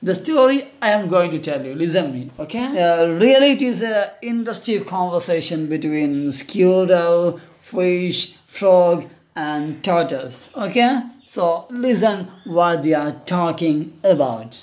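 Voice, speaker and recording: Slow, coaxing Malayali woman teacher. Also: on the low side, expressive, a little mellow. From India. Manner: slow, coaxing, asks children questions and praises answers. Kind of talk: online primary school lesson.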